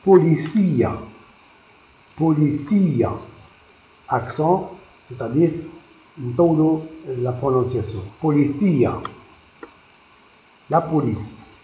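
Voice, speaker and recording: A man teaching a vocabulary lesson, repeating each word slowly and explaining it, moving between languages. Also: fairly high pitch, lively intonation, warm tone, roomy sound, lo-fi sound.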